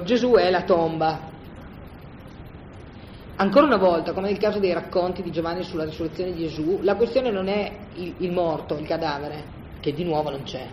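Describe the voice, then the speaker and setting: A teacher talks a group through a scripture passage in a loose, colloquial way. The voice sits at a mid pitch, often stops to check in with "no?", and restarts its sentences. It was recorded in a roomy space on dull, lo-fi gear with faint background ambience. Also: slight background noise. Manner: conversational, keeps asking "no?" to check in with listeners; colloquial, animated explaining with restarts. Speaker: Bible study teacher. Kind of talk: informal lecture on scripture. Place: room with a group of listeners.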